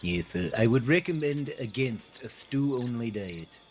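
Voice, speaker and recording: A man's voice: medium pitch, lively intonation, unhurried, slight background noise. A man roleplaying a formal superior, speaking in a prim, polite way with old-fashioned exclamations. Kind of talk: in-character roleplay chat.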